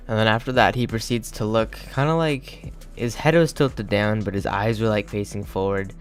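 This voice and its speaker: A young man with a fairly low voice tells a story in a loose, rambling way. He is crude and joking and fills his talk with "like" and "uh." Faint music plays underneath. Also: moderate pace, clear, resonant tone. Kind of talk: casual storytelling.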